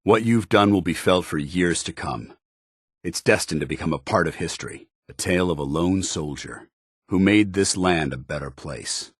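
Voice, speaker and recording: This is companion dialogue from a video game: a stern soldier of principle, his voice extremely low with a husky edge, speaking formally like a commanding officer loyal to his order. The close, dry recording catches an earnest, solemn mood at normal speed.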